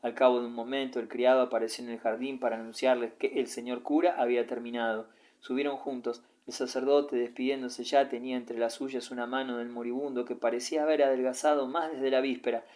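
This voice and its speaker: A man reading a classic novel aloud as an audiobook narrator, steady and even. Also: medium pitch, brisk, few pauses.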